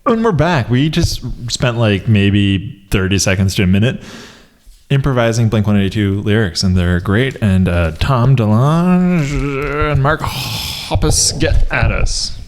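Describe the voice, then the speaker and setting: A man's voice: fairly low pitch, expressive, normal speed. A man co-hosting a comedy podcast in a laid-back, jokey way, full of rambling asides. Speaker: podcast co-host. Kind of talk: casual podcast chat.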